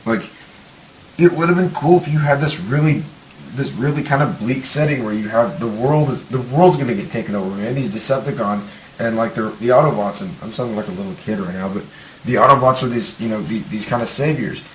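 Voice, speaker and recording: A man's voice: medium pitch, a little fast. A young man, a guest on a podcast, rambling animatedly with lots of fillers. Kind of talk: casual chat. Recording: echoey room, faint hiss.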